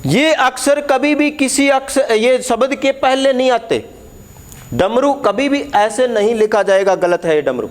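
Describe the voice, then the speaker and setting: A man's voice: very high voice, animated, unhurried. A man teaching Hindi letters at a board, explaining patiently, repeating key words and putting questions to the class.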